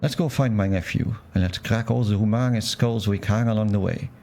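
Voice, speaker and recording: A gruff older male ex-punk in a game, speaking in a German accent, as a man puts him on. His voice sits low and gravelly, earnest and set on payback. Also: fairly quick, darkish tone, a little hiss or hum. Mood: earnest, vengeful. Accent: put-on German.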